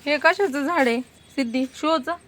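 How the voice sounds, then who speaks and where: High-voiced woman cooing baby talk. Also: normal speed, fairly bright tone, slight background noise. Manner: soothing baby talk, imitating a dog's bark. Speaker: family vlogger and mother. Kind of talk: casual family vlog chat.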